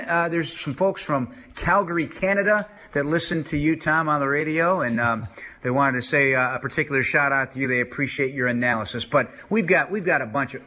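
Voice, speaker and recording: A man's voice: mid-range voice, pushed and bright. A man hosting a sports radio show, chatty and wry, recapping the news and reading sponsor notes. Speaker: radio play-by-play host. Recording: broadcast from a remote trip.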